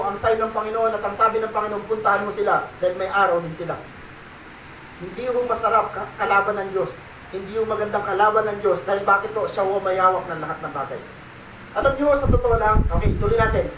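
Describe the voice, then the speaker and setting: A man's voice: high voice, sharp tone, slight background noise. A man preaching a sermon as pastor. He checks in with his listeners with a repeated "okay?" and mixes in English phrases. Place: church. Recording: echoey church room, mic at a distance.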